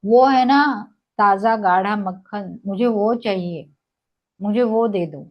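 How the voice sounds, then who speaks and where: A woman's voice: medium pitch, slow, highs cut off, natural voice. A woman voicing the small boy Krishna, crying and insistently demanding, in a storybook telling. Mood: whining. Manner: whiny, insistent pleading.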